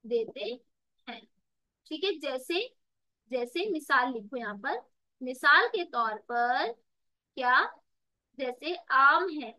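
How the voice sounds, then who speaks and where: A woman's voice: high-pitched, animated, slow pace, long pauses, bright, forceful tone, dry recording, poor audio. A woman tutor giving an online exam-prep lesson, calling students "beta" and repeating words with rhetorical questions to the class. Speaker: Urdu tutor.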